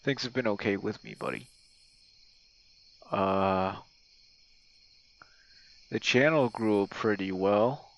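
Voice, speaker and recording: Slow and fairly low-pitched, pausing often with a fairly bright tone, a young streamer and audio roleplay creator sends a casual message to a gamer friend, rambling, swearing heavily, and poking fun at himself. The audio is poor, with crickets and night sounds behind him.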